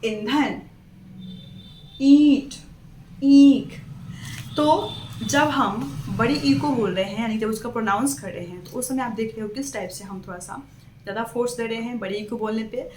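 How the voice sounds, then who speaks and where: A woman's voice: fairly high pitch, brisk, roomy sound, slight background noise, rough recording. A woman teaching young children their letters, with a patient manner, stressing each word, repeating it, and checking in often. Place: classroom.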